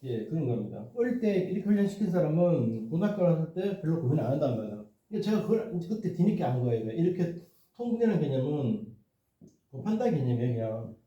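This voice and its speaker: Guy rambling through a math lesson, keeps asking "right?", slightly high voice, dull lo-fi echoey recording. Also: very animated, fast talker, warm tone. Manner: rambling, self-deprecating, repeats "이렇게" and "그죠?". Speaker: math tutor. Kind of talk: casual explanatory lesson. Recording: echoey, dull, distant mic.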